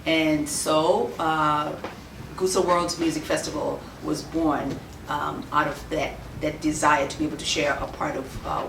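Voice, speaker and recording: A woman's voice: low voice, little pitch movement, vocal fry, recorded from a distance, noisy background. Woman, roomy off-mic sound. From Kenya. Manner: measured, with frequent "uh" and "um" pauses. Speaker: boutique owner. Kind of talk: interview answers. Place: her clothing shop.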